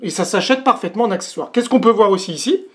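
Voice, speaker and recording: Speaking at a quick pace in a medium-pitched voice, a host reviews a product with a casual unboxing demo for the vlog. They address viewers directly, fill the talk with hesitant fillers, and poke fun at their own English accent.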